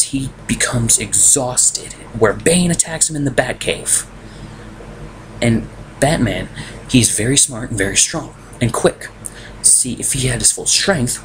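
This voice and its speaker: A man's voice: mid-range voice, rough recording. A young man casually reviewing a film from a room at home, exasperated and ranting. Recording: noticeable background noise.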